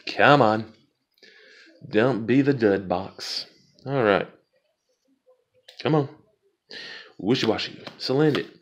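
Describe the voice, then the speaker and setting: A man casually talking viewers through opening card packs, rambling and amused at himself. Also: lowish voice. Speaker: card pack opening vlogger. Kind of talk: casual unboxing commentary.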